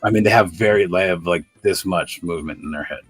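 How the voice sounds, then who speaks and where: A man's voice: low-pitched, fast talker, husky, soft background music. A man in his fifties chatting candidly on a livestream as a guest, talkative and freely swearing. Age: 50s. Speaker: guest collector. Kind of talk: casual chat on a charity livestream.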